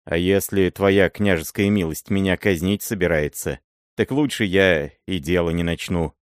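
Man putting on a high, pleading old miller. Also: huge pitch swings, moderate pace, dry recording, studio quality. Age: older. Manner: pleading, wheedling, high-pitched. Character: timid fawning old male miller sorcerer. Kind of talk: audiobook character voice.

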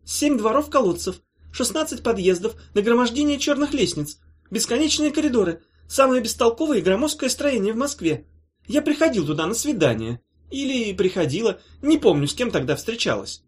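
A woman's voice: fairly high pitch, very animated, a little fast, breathy edge, pitched above the performer's own voice. A woman voicing a cowardly, whiny succubus trapped in a box, stammering and pleading. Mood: babbling.

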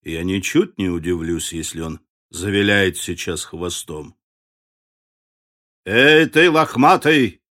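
A man voicing a grim, gruff frontier trapper in a low, hushed voice in an audiobook. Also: steady tone, unhurried. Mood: wry. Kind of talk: audiobook character voice.

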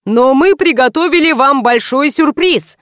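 A woman reading the part of a pushy, loud male publisher who barks orders and hustles a crowd. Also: high voice, a little slow, no echo, studio quality. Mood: hustling. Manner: barking, hectoring, impatient.

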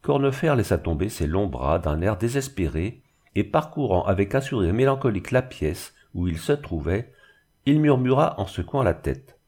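A man giving a measured, steady scripted narration of a classic novel. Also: fairly low pitch. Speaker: audiobook narrator.

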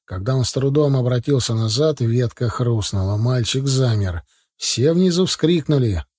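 A man narrating a first-person audiobook in a steady, plain storytelling manner. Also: mid-range voice, moderate pace, no echo, clean studio sound.

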